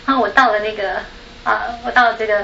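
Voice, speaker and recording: On a panel, a woman from Taiwan recounts a personal story in a chatty manner, her Taiwanese Mandarin accent coming through a creaky, medium-pitched voice that stays steady at a quick pace. She often laughs and adds a soft sentence-final particle, and the echoey, dull recording is very noisy.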